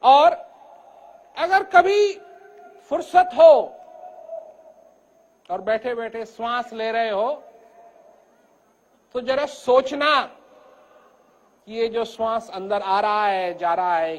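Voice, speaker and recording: High-voiced older man giving a spiritual talk. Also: slow, pauses often. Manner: speaks loudly and emphatically from the heart; rises and falls in pitch and loudness. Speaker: spiritual teacher. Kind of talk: spiritual discourse.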